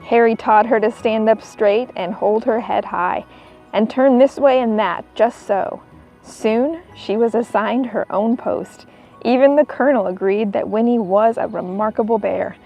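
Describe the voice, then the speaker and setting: A woman reading a children's book aloud in an expressive storytelling style, as a narrator for young listeners. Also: a little high, moderate pace, faint music behind.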